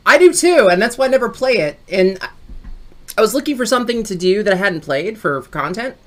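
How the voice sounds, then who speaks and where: Lively upbeat woman commenting on gameplay. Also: mid-range voice, a little fast. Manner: upbeat, chatty, rambling with self-corrections. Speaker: gaming channel host.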